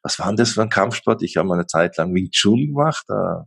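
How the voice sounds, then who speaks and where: Deep husky guy hosting a podcast, kinda halting, lots of ums. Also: animated, a bit bright. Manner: hesitant, many fillers and restarts. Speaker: podcast host. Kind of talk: interview podcast.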